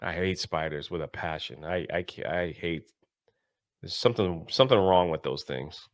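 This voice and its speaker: A man co-hosting a casual talk show, easygoing and quick to laugh as he tells stories. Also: low-pitched, no room sound, clean studio sound. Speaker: podcast co-host. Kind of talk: casual chat.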